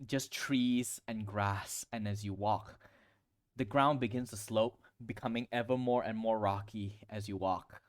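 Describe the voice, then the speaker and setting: A man's voice: fairly low pitch, steady tone, a little slow, no echo, studio quality. Man narrating a tabletop game as game master. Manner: descriptive second-person storytelling.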